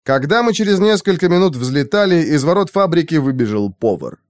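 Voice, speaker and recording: Lively male audiobook narrator. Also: a little high, brisk. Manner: lively expressive reading. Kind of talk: first-person fiction reading.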